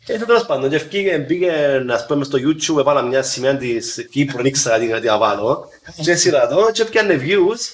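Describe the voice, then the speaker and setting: A mid-pitched man with a Greek Cypriot accent answers as a guest musician in a relaxed conversation. His delivery is colloquial and halting, with bits of English slipped in. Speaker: band musician being interviewed. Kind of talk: casual chat.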